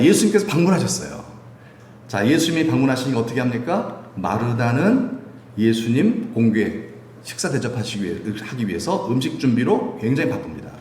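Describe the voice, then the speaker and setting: A male pastor giving a sermon, animated and quizzing his congregation with questions. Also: medium pitch, a little hiss or hum. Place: church sanctuary. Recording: echoey church hall.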